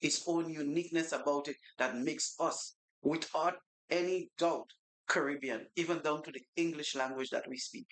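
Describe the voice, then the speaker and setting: A radio co-host speaking in a measured way and asking pointed questions. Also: mid-range voice, fairly even intonation, fairly bright tone, poor audio. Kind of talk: casual radio talk. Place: radio studio.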